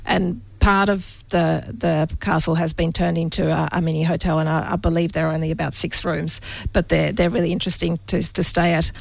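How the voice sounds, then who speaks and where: A woman guest in a casual podcast chat, talking haltingly with many ums and restarts. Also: on the low side, flat delivery, gravelly, no room sound.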